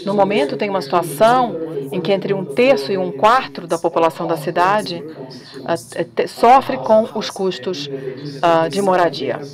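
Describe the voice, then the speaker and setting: A woman giving an academic talk at a panel, speaking in a measured way and pausing often with fillers. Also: mid-range voice, a crowd in the background.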